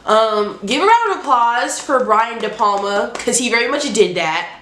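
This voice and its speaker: Her voice is fairly high, animated, and fairly bright at a normal pace, but allergies make it congested and nasal, as though her nose were pinched. She's a film reviewer running a top ten countdown, chatting expressively in casual slang. The handheld phone recording is roomy and echoing at home, with a little hiss or hum.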